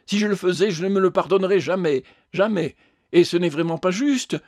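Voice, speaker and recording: A tearful, ashamed woman ghost, as a male reader puts her on, her voice pushed up high and strained. She pleads and protests in an agitated way. The storybook reading is close and dry. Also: moderate pace, dry recording. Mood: desperate. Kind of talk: audiobook character voice.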